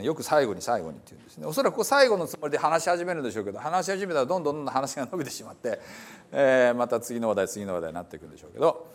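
Male pastor, conversational sermon, lively pitch, filler-heavy explaining.

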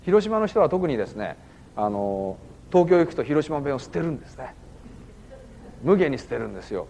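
A man's voice: fairly high pitch, big pitch swings, normal speed, vocal fry, a little mellow, a little hiss or hum. A man giving a sermon as a pastor, conversational and dotted with fillers, in a church hall. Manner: conversational preaching with frequent "ano" fillers.

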